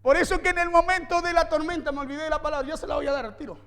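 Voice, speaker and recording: A man's voice: extremely high pitch, steady tone, very fast, a bit bright, long reverb tail. A man preaching a sermon as pastor, emphatic, with repeated phrases and rhetorical questions to the congregation. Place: church.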